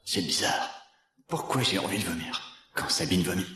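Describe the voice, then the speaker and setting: A man's voice: low voice, moderate pace, pushed and bright, husky, full character voice. A man playing a rich, protective young husband in a dubbed drama, terse and easily baffled. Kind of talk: dubbed short-drama acting.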